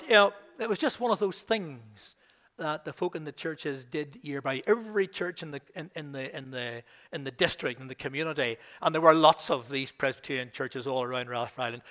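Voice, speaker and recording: A man's voice: fairly high pitch, fairly bright tone. An older man with a Northern Irish accent, a minister giving a sermon who reads scripture with rising emphasis and tells stories with chuckling asides. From Belfast. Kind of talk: sermon with scripture reading and anecdotes.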